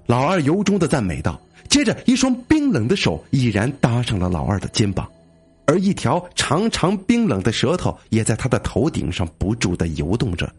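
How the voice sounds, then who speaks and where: A man telling a comic ghost story with lively, dramatic delivery. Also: medium pitch, moderate pace, breathy edge, soft background music.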